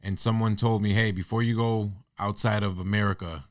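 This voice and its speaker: A man in his thirties with a somewhat low voice, talking earnestly as a podcast guest. He muses aloud and circles back on his sentences. The sound is dry and close, with no room in it. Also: fairly even intonation, a little fast, no room sound. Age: 30s. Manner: earnest, reflective, talks in loose restarts. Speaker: podcast guest, artist and business owner. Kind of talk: casual interview chat.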